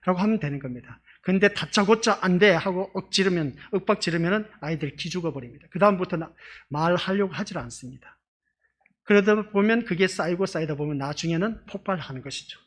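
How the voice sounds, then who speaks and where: A pastor giving a conversational sermon in a church, often asking the congregation rhetorical questions. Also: male voice, sits high, expressive, brisk, a bit bright.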